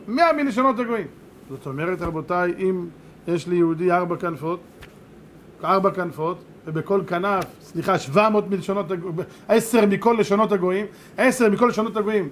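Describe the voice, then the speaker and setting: A man, a rabbi, giving a religious lesson full of stories, animated and rhetorical, repeating points for emphasis. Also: sits high, a little hiss or hum.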